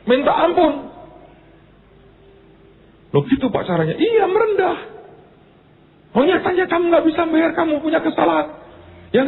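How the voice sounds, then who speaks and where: A male pastor preaching with a Javanese-inflected Indonesian accent, telling stories in an animated way that swings between high exclaiming and low murmured asides. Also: creaky. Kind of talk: sermon. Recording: tinny phone-like sound with faint noise.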